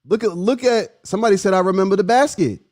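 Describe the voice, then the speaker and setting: Talking fast in a high voice, a man hosts a casual live stream, playfully questioning and teasing his viewers. He laughs often and goes from loud to hushed and back.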